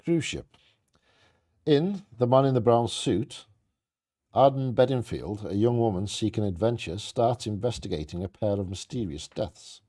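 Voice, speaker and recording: Low, mellow man reading mystery trivia aloud. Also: normal speed. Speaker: co-host of a bingo game.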